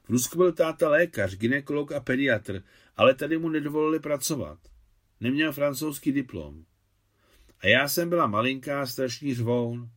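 A man's voice: mid-range voice, expressive, a bit bright. A man reading as a shy, candid young woman. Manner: plain, artless.

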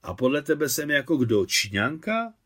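A man reading aloud gives voice to a wealthy older widow, a Russian émigré with a courteous, gentle way of speaking, in a pitch that sits neither high nor low for him. She comes across as gracious in this storybook reading. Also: expressive. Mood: warm.

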